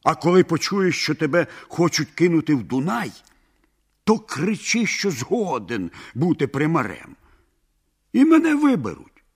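Guy reading as a cunning peasant trickster, calm and mocking, husky, takes his time. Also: on the high side, measured pace, exaggerated voice.

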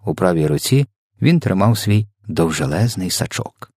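Low, husky man reading a story. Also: lively intonation, moderate pace, darkish tone, no room sound, clean studio sound. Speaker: audiobook narrator. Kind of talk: scripted storybook narration.

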